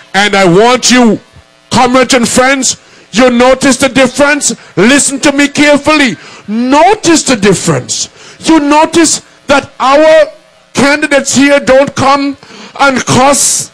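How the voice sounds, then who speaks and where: A man emceeing a political rally, shouting and calling out to the crowd. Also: very high-pitched, rough recording. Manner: shouting, call-and-response with the crowd. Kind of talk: rousing political rally speech.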